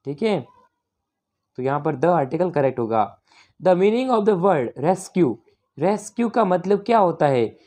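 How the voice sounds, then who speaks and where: A woman teacher with a Rajasthani Hindi accent explaining an exam paper step by step, calling the viewers "friends" and reading the English questions slowly. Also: fairly low pitch, dark tone. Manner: explanatory, repeats "dosto", slow English readings. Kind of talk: exam paper walkthrough lesson.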